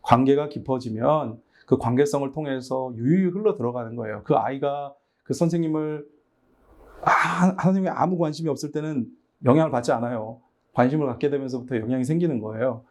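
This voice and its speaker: A middle-aged man, a pastor giving a lively training talk to Sunday school teachers and acting out phone calls with children. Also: medium pitch, fairly quick. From Busan, South Korea. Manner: animated, acts out both sides of dialogues with children. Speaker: pastor leading a teacher workshop. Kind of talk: lively church training lecture.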